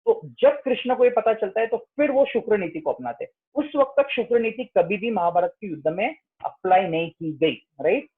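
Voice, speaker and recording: A man's voice: high voice, expressive, moderate pace, hardly any pauses, husky. A man explaining stories from an ancient epic to a group, checking in often with rhetorical questions. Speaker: spiritual discussion speaker. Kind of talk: explanatory talk on scripture. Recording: tinny phone-like line.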